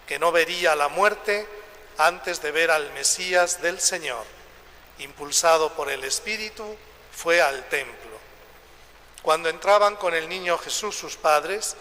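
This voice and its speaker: A man, a priest, reading the gospel at Mass and then giving a slow, measured homily, his voice ringing with the echo of a large church. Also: on the high side, bright, forceful tone. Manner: slow, measured, adds a questioning "eh?". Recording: long church reverb, faint background noise.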